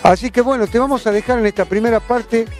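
A man's voice: very high voice, fast, faint music behind. A man in his forties with an Argentine accent, presenting a sports show outdoors, chatting straight to viewers with a handheld mic. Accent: Argentine Spanish. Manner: chatty, direct address to viewers. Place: outdoor park with trees. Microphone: handheld microphone.

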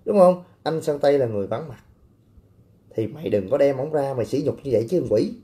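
Brash man, mellow voice. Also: mid-range voice, fast talker. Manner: brash, teasing, coarse banter with blunt street slang. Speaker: livestream host. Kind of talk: casual livestream chat reading viewer comments.

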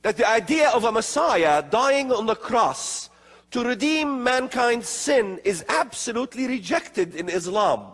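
A middle-aged man from the Middle East giving a slow, emphatic lecture at a prophecy conference in a large hall with an audience. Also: extremely high pitch, sing-song, fairly bright tone, slightly rough. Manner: slow emphatic delivery with gestures. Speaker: conference speaker. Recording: long hall reverb.

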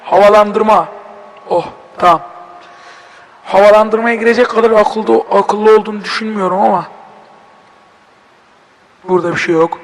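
High-voiced young man gaming, joking and swearing. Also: steady tone, normal speed, pauses often, big-room sound, low-quality recording. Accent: Turkish. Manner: swearing, joking, bursts of panicked shouting. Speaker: gaming video host. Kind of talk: horror game let's play commentary.

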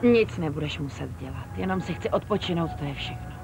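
A guarded young captive. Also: female voice, low voice, expressive. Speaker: dubbing actor. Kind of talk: dubbed telenovela acting. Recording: noisy background.

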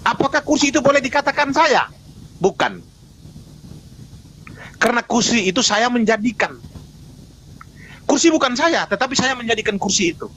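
A man's voice: very high voice, expressive, normal speed, pauses often, a bit bright, slight background noise, low-quality recording. A man arguing his case in a live online debate, emphatic, repeating points and answering his own rhetorical questions.

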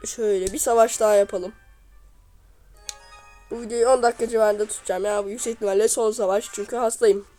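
A woman giving live commentary over her own gameplay, excitably cheering and scolding the units on screen. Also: medium pitch, fast, pauses often, soft background music, poor audio. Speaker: gamer.

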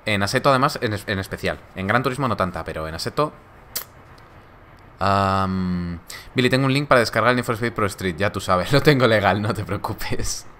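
A young man chats on a live stream in a laid-back, joking way. His voice sits low but sounds bright and forward. A faint hiss stays under the talk. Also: normal speed. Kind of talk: casual live-stream chat reading viewer comments.

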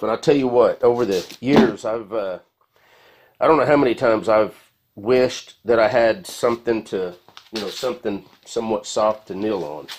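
A man's voice: mid-range voice, a little mellow. A man casually reviewing a tool in his garage, talking in a rambling, folksy way with plenty of fillers, recorded on a handheld phone. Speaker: home mechanic reviewing a tool. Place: garage with concrete floor.

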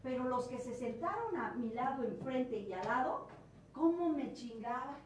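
Mexican lady telling her rehab story, swears a lot, high voice, super echoey room far from the mic. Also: lively intonation, normal speed, slight background noise. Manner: crude, blunt, swearing, rising to loud self-reproach. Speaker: rehab sponsor giving testimony. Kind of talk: personal testimony to a group.

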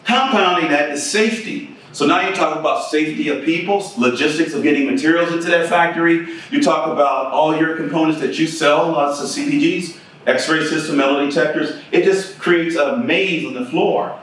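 A middle-aged keynote speaker gives a conversational conference talk in a room with a projector screen, putting questions to the audience. His voice is on the high side and fairly bright, at a moderate pace, recorded from a distance in an echoey room.

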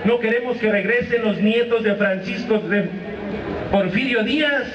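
A middle-aged man with a Mexican Spanish accent, a union leader, shouts a crude, combative protest speech from an outdoor street-rally stage, hailing the crowd as comrades. His voice sits high and moves at a normal speed. It comes through a handheld mic and PA, caught from the crowd in distant, echoey, muffled amateur video.

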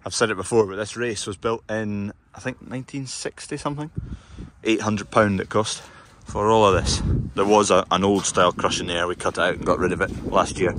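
Young farmer, low-pitched and chatty, filmed on a body cam outdoors with loud clanking and yard noise behind. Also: male voice, fairly even intonation, a little fast. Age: young adult. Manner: chatty, calls out to cattle while working. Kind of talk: casual farm vlog narration. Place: outdoor cattle yard with a metal race. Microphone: body-worn action camera.

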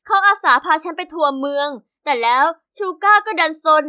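In a brisk, scripted read, a woman voices a young girl recounting her diary in an animated story. She pitches her voice very high, keeping it bright and ringing, and her delivery stays lively and expressive.

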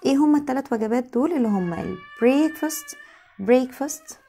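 Egyptian woman teacher, tired strained voice, mellow tone, slow drilled repetition. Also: high-pitched, expressive, gravelly, faint music behind. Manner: repeats words slowly, drawn out for drilling. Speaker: English teacher. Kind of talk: online English lesson.

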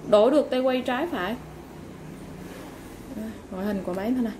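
A woman seller giving a polite, informal product sales pitch, going item by item with repeated stock phrases. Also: fast, warm tone. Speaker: online seller of used fishing reels. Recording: clearly noisy background ambience.

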